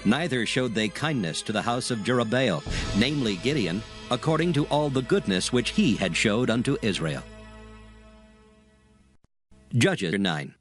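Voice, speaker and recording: A mid-pitched male narrator tells dramatized scripture in a solemn, measured way that is also very animated, rising and falling expressively. Music is clearly audible beneath him.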